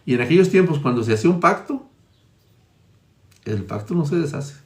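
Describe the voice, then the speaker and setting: A man's voice: fairly high pitch, expressive, fairly quick. Emphatic male preacher in an echoey room. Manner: emphatic, shifts between loud and quiet, reads Scripture aloud. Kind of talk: sermon.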